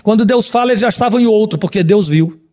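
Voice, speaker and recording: A middle-aged man, preaching a sermon as pastor, swinging between raised exclamations and low, solemn passages. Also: fast talker, a little mellow.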